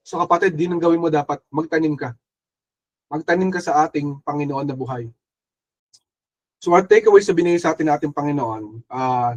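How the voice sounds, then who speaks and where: A man's voice: a little high, a little mellow, poor audio. A man with a Filipino accent, preaching an earnest, urging sermon that mixes English and Filipino. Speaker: pastor.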